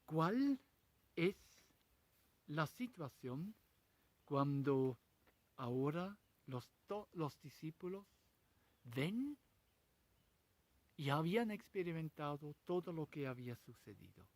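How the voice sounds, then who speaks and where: A man preaching a sermon as a pastor, retelling a story in short, measured phrases with rhetorical questions. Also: on the high side, lively intonation, dry recording. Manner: speaks in short, measured phrases with frequent pauses.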